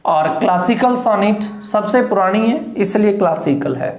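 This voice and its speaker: A woman's voice: mid-range voice, expressive, moderate pace, darkish tone, echoey room. A woman teaching English literature for exam preparation, explaining terms step by step and often checking whether her students follow. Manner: explanatory, asks "clear?" often, counts syllables aloud. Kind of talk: exam-prep lecture in Hindi with English terms.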